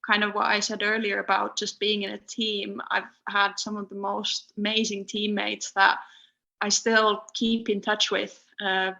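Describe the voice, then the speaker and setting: A young woman from Finland, a podcast guest speaking casually over an internet call, pausing often with ums. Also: medium pitch, level tone, vocal fry, bright, forceful tone. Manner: hesitant, many ums and restarts. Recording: muffled internet call audio.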